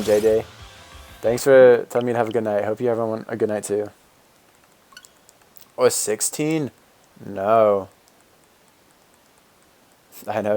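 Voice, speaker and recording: A deep-voiced man in his twenties streams games and chats casually with viewers, answering chat and rambling with fillers and restarts. He sounds a little mellow.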